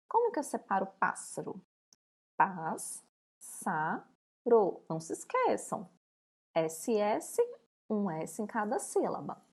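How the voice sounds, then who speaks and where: A Brazilian woman teacher giving a recorded lesson to young pupils, stretching out words syllable by syllable. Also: on the high side. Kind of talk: recorded remote school lesson.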